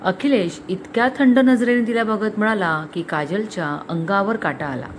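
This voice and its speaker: A woman reads a romantic story aloud with dramatic, expressive narration. Her voice sits at a middle pitch, with a faint ambient hum behind it. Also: normal speed.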